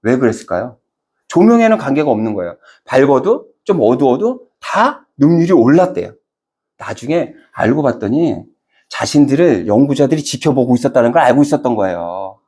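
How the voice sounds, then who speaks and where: A man's voice: mid-range voice, sing-song, brisk, dark tone. A male pastor preaching a Sunday sermon, asking the congregation questions and answering them himself, and acting out quoted speech. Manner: acts out quoted speech in dramatic voices.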